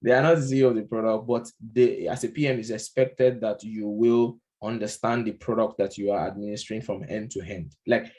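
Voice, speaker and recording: This product management instructor, Nigerian-accented, talks fairly quickly in a low, darkish voice with fairly even intonation and hardly any pauses. His casual, unscripted lecture is conversational, packed with fillers and restarts, and broken by occasional chuckles.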